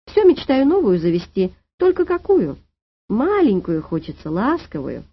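A woman playing a pompous middle-aged lady inspector in an audiobook, shrill and quick to panic. Her pitch swings up into high squeals, and the voice has a husky edge. The lo-fi recording is dry and dull. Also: huge pitch swings, no room sound, full character voice. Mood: wistful. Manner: shrill, pompous and easily alarmed.

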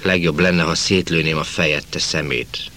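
A man's voice: extremely low pitch, steady tone, a little hiss or hum. A man reading the part of a young lieutenant who threatens a soldier with a revolver. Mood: cold contempt. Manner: threatening, shouting. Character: wounded young male officer, cornered, defiant, furious.

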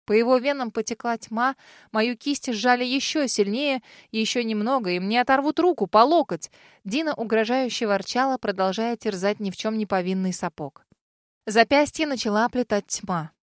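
A woman reading a first-person fantasy audiobook expressively, with sharp angry outbursts in the heroine's lines. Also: fairly high pitch, moderate pace, dry recording, clean studio sound. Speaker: audiobook narrator.

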